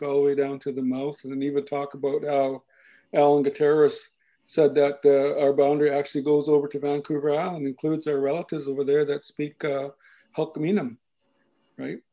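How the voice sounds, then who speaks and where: A man with a slightly high, mellow voice explains things in a slow, patient way. He often pauses to check that the listener is following. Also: flat delivery, rough recording. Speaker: language and culture speaker. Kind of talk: explanatory talk.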